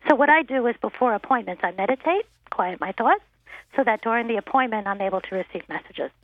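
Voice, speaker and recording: A woman's voice: a little high, animated, fast, no echo. Woman, medium, interview guest, earnest, reassuring, phone line audio, dry. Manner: earnest, reassuring, fond of "you know". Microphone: telephone. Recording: narrow telephone line.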